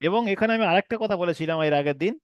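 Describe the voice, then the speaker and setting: A man teaching an online reading class, who explains patiently and drags out each letter name slowly. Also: high-pitched, clean tone, no echo, highs cut off. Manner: explains patiently, repeats letter names slowly with long drawn sounds. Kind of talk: recorded online class lesson.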